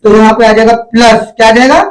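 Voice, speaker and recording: A man's voice: very high-pitched, level tone, fairly quick. A male math teacher giving a classroom lesson, asking the students questions and calling them "beta". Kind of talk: classroom lesson, call-and-response. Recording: echoey room, distant mic.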